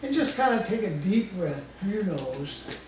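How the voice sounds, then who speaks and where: Guesting as a presenter, a man demonstrates guided imagery live, coaxing listeners in a soothing, informal, folksy way and repeating short phrases often. His voice sits high and sing-song at a moderate pace. A distant mic captures him in an echoey room with faint noise.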